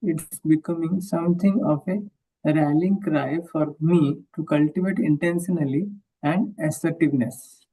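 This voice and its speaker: Book reader; slow and mellow, halting, rereads lines. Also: mid-range voice, steady tone, breathy edge, distant mic, low-quality recording. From India. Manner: halting, rereads and repeats phrases. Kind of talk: reading a book aloud and discussing it.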